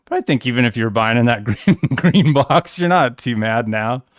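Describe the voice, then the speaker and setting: A man's voice: medium pitch, expressive, normal speed, dry recording, clean studio sound. A man hosting a crypto trading livestream, casually walking through charts in a rambling, self-correcting way. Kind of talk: casual screen-share walkthrough.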